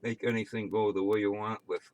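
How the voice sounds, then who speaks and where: Running an amateur radio net as net control, an American man works through check-ins and announcements in a halting, casual manner with muttered asides. His voice is on the low side and darkish, with little pitch movement.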